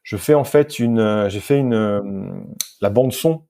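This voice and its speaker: Unhurried and clear, his warm, resonant medium-pitched voice tells informal stories from his career. The speaker is a French sports scientist and physical coach appearing on a podcast, and he tends to repeat words and rephrase mid-sentence.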